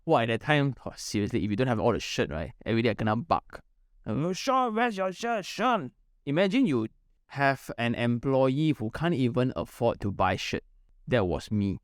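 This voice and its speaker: A Malaysian man chats casually as a podcast host, in a mid-pitched voice. His English is colloquial, sprinkled with local particles and slang. The sound is dry, with very little room in it. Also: animated, fairly quick, no room sound.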